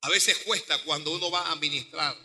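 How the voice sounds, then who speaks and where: A man pastor preaching a sermon with animated delivery, acting out dialogue. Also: a little high, a little fast, big-room sound.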